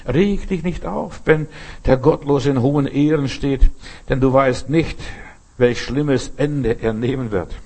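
A man's voice: medium pitch, unhurried, mellow. An older man preaching a sermon in an emphatic, conversational way, often checking whether listeners understand. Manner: emphatic, conversational, asks "verstehst?".

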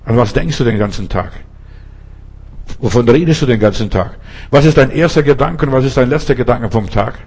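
A man's voice: medium pitch, fairly quick, darkish tone, breathy edge. A male preacher giving an emphatic sermon, speaking straight to the listener with pointed rhetorical questions.

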